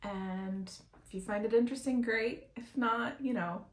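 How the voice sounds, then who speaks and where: A woman in her thirties talking to camera in a relaxed, chatty way from a room in her house. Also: on the high side, unhurried. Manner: relaxed, chatty, laughs easily. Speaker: DIY vlogger. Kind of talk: casual talk to camera. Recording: echoey room with faint noise.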